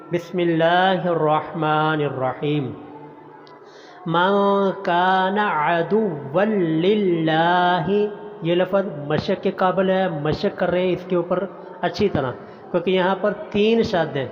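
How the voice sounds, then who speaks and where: A man teaching a Quran recitation lesson, chanting words slowly and drawn out, then explaining pronunciation in quick plain talk. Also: on the high side, slight background noise. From Pakistan. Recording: dull audio with long reverb.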